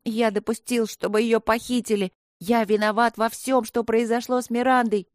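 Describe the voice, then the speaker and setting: A woman's voice: a little high, little pitch movement, moderate pace, no room sound, clean studio sound, voice pushed up, lightly acted. Woman doing a desperate eleven-year-old boy. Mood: guilty. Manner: pleading, shouting.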